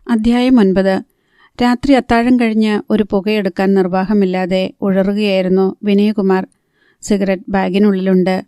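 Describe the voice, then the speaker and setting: A woman narrating a novella audiobook in a steady, measured reading voice. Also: mid-range voice, no echo, clean studio sound.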